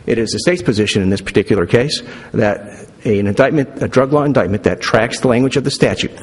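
Male attorney, mid-pitched, formal deferential argument, long hall reverb and faint noise. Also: a little fast. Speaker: lawyer for the state arguing an appeal. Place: large indoor courtroom. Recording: reverberant courtroom, clearly audible noise.

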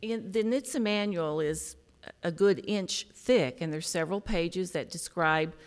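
A woman's voice: on the low side, unhurried. A woman arguing as a prosecuting attorney in court, formal and deferential to the bench. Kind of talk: oral argument in court. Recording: long hall reverberation.

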